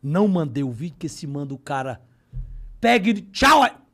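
Man, fairly high voice, comic podcast storytelling, excitable, slangy, swears a lot. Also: normal speed. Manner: excitable, swings from low mutters to loud exclamations; slangy and profane. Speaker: comedian guest on a podcast.

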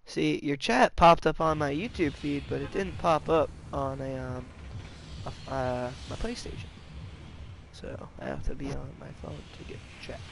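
A man's voice: fairly high pitch, unhurried, creaky, a little hiss or hum. A young man live-streaming a video game, joking, swearing and talking to his chat. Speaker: gaming streamer.

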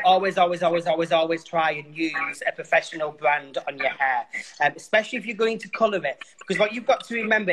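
A man's voice: a little high, a bit bright, rough recording. A man, a hairdresser, patiently explaining hair colour on a video call and repeating points for emphasis. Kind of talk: casual video call chat.

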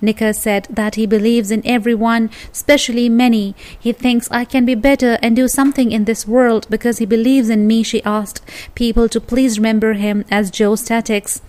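A woman with a somewhat high voice reads scripted news narration as the channel's host. Her delivery is steady and even, every sentence read out in the same measured way.

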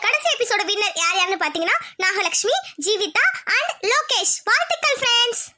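A woman's voice: extremely high pitch, animated, a little fast, very noisy. A woman hosting a cartoon channel and addressing viewers with friendly appeals. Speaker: channel host.

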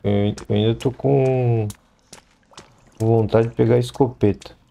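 A man chatting to himself while playing a game, shouting in the fights. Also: mid-range voice, steady tone, unhurried, creaky. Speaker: gameplay commentator. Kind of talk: let's play commentary.

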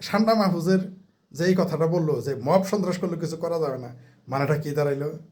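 A man's voice: fairly high pitch, expressive, brisk, mellow. A man, ranting as a political commentator in a mocking, heated way, with crude insults and rhetorical questions.

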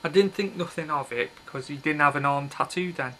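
Talking to his webcam in a small bedroom hung with red curtains, a man in his thirties vlogs in a casual, rambling monologue, blunt and offhand and prone to dropping thoughts midway. His voice is a little high, fairly quick, and a bit bright, and the built-in mic picks up a little hiss or hum.

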